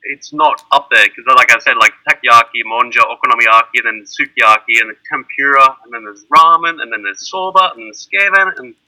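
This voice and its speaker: An Australian man with a very bright, sharp-edged voice. He talks casually and loosely, rambling through long lists and leaning on fillers. His pitch sits in an ordinary middle range. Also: fairly quick, hardly any pauses, rough recording. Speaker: skateboarding teacher in Japan. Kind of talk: casual chat.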